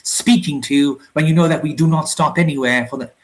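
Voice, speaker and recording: A man's voice: on the high side, a little fast, natural voice, low-quality recording. A man voicing a heartbroken young man who pleads with emotion, in a storybook reading. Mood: sad pleading.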